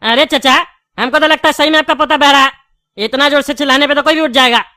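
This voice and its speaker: Woman playing male cartoon shopkeeper, blunt and bantering, high bright voice, dry recording. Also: fast talker, dry recording. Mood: irritated. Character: brash male sweet-shop owner, quick to argue.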